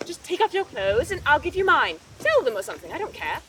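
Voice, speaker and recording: A woman's voice: high-pitched, wildly swooping pitch, fast talker, far from the mic. Headstrong noblewoman. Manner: commanding, blunt, impatient. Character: headstrong young noblewoman in disguise. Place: outdoors on a farm. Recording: noisy outdoor recording from afar.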